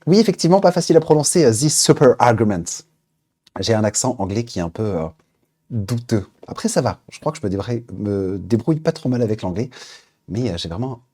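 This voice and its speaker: A Twitch host runs a casual live stream, reading chat names aloud and hesitating with plenty of fillers while he queues up listeners' tracks. His mid-range voice is mellow yet very animated, and he talks a little fast.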